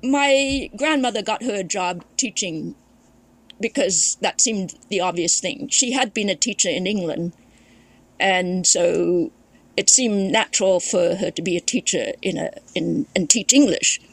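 She is a woman from Thailand, a podcast guest who writes memoirs, and she recalls her family's history in a reflective, conversational way, frequently beginning sentences again. Her voice is medium-pitched with a measured pace.

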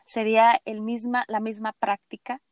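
A woman's voice: a little high, level tone, normal speed, a little mellow, dry recording. A woman interviewer who affirms her guest and asks long, rambling questions. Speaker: interviewer host.

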